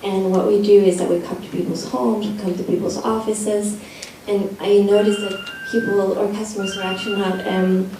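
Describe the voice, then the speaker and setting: A woman who is a fashion entrepreneur, speaking with a sweet, soft voice and many fillers on a discussion panel. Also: flat delivery, moderate pace, noisy background. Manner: high sweet voice, hesitant fillers. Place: large meeting room with audience. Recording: echoey hall, distant mic.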